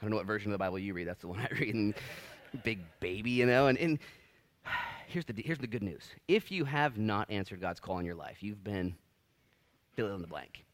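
A man's voice: on the low side, animated, a little fast. A middle-aged male pastor preaching a sermon in a conversational, joking yet earnest way. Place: church.

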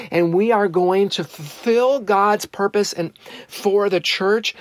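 A man preaching a sermon as pastor, earnest and emphatic, slowing down to stress key words and repeating phrases for effect. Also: sits high, dry recording.

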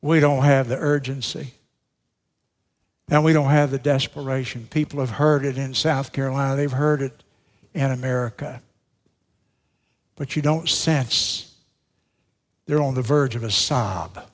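A middle-aged man preaches a sermon, building to loud, emphatic declarations and then dropping to slow, hushed words. His voice carries with the long reverb of a large church hall. It sits at an ordinary mid pitch for a man. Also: steady tone. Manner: dramatic preaching that swings between loud emphatic lines and hushed, slowed phrases. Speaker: pastor.

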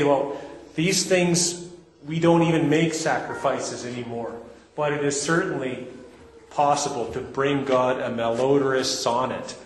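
A man preaching an earnest, conversational sermon, reading scripture aloud and explaining it, in a church sanctuary. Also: on the high side. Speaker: pastor. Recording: echoey hall with long reverb, faint hiss.

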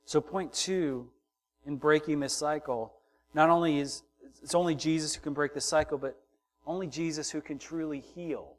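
A middle-aged male pastor delivers a sermon in a voice pitched a little high. He swings between soft, intimate passages and loud, emphatic build-ups, slipping into the voices of the people in his story. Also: steady tone, normal speed.

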